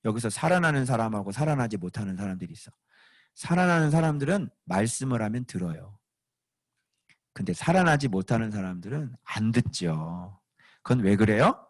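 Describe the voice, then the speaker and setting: A man, a pastor, preaching a sermon with lively, emphatic delivery, often asking his listeners questions. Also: fairly low pitch, a little fast, no echo. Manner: animated, asks the congregation questions, rises to shouting emphasis.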